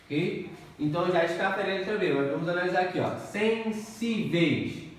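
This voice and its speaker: A male teacher runs a grammar lesson for exam prep, walking through each step and checking in with the class often. He speaks fast in a high voice. The room echoes, the mic is distant, and there's faint noise.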